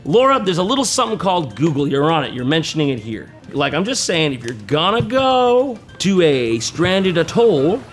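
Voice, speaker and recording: A man's voice: a little high, sing-song, normal speed, hardly any pauses, soft background music. A man doing casual comedic commentary on online reviews, reading and reacting in sarcastic mock disbelief. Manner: sarcastic riffing. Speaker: host.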